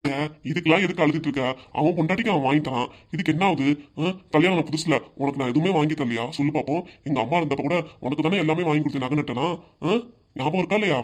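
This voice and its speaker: A man voicing a calm, lecturing middle-aged husband in a cartoon comedy, with a southern Tamil Nadu accent. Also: a little high, fast, lightly acted. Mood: reassuring. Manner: coaxing, lecturing.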